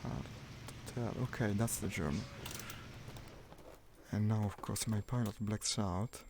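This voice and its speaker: Gravelly-voiced man commentating his flight sim. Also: lowish voice, steady tone, measured pace. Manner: wry running commentary, talking to himself. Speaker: gaming streamer. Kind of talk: live commentary while playing a flight sim. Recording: noisy stream audio.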